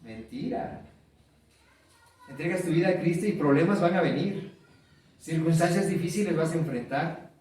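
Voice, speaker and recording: A man's voice: fairly high pitch, brisk, darkish tone, heavy reverb, recorded from a distance, rough recording. A man preaching a sermon, asking the congregation questions and repeating key words.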